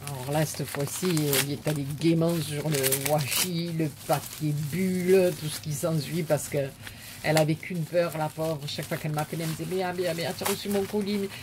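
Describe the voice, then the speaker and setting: A woman's voice: low voice, fairly even intonation, moderate pace, background noise. A woman vlogger chatting casually to viewers as she unboxes a parcel, gushing and repeating her words of praise with many fillers.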